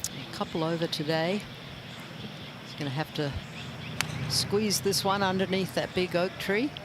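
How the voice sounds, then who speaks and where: Golf commentator, male, slightly high register, informal analyst delivery, noticeable outdoor course ambience. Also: measured pace, noisy background. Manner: casual, unscripted asides.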